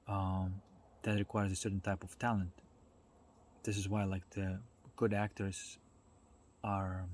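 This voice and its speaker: A man with a fairly low, distinctly husky and slightly mellow voice speaks informally about self-development. He works through his ideas step by step, haltingly, frequently pausing to find the next word.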